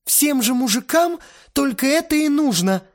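A man's voice: very high voice, expressive, moderate pace, voice pushed up. A man voicing an emotional, volatile young woman who pleads and sobs, reading an audiobook. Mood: tearful. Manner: pleading, sobbing, switching to rage.

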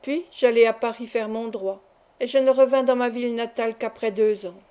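Woman, audiobook narrator, fairly high voice, mellow tone, measured storytelling. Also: fairly even intonation, smooth. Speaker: audiobook reader. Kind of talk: scripted narration of a classic short story.

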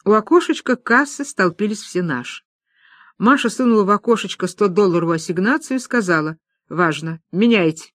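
An audiobook narrator reading a novel aloud in a lively storytelling manner, voicing the dialogue. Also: medium pitch, a little fast, dry recording, clean studio sound. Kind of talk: scripted narration.

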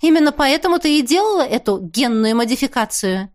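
Stern dry woman lawyer, read by a woman narrator, cool, sharp-tongued, storybook reading. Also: sits high, animated, fairly quick, pitched above the performer's own voice.

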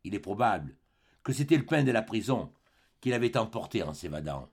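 A man narrates a classic novel in an expressive audiobook reading. His voice is gravelly and very animated, dropping quiet at the sad moments. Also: fairly low pitch, a little fast. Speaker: audiobook reader.

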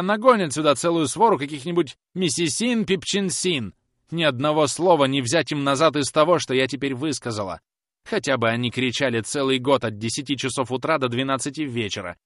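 A man reading an audiobook aloud, voicing a sharp-tongued young housemaid who talks back quickly and defiantly. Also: medium pitch, animated, no echo, clean studio sound, pitched above the performer's own voice, natural voice. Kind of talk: audiobook character voice.

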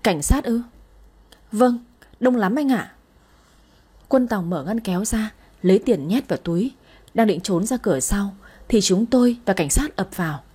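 A woman's voice: mid-range voice, mellow, breathy edge. A woman narrating a dramatic family story in the first person, voicing each character herself.

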